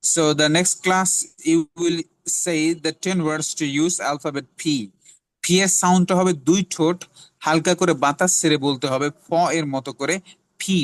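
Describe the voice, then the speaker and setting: A male English teacher from Bangladesh, a native Bengali speaker, leads a classroom lesson. He talks very slowly and repeats each word several times for drilling. His voice sits a little high, and the sound is dry and close. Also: dry recording. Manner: switches between English and his own language mid-sentence.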